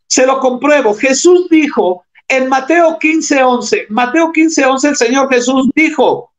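Preaching a sermon in a very high, slightly bright voice, a man reads scripture aloud and explains it. He addresses the congregation as brothers and poses rhetorical questions to them.

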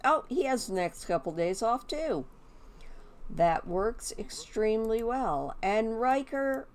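A woman's voice: medium pitch, darkish tone, a little hiss or hum. A woman giving casual, chatty game commentary, talking to her characters, with a slight whistle on her s sounds. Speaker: gameplay host.

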